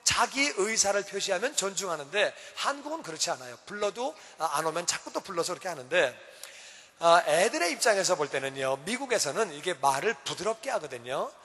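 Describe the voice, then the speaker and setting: A man preaching a sermon as pastor in a church, animated and acting out scenes. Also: high-pitched, fairly quick. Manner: animated, acts out parents shouting at children. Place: church sanctuary. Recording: church hall reverb.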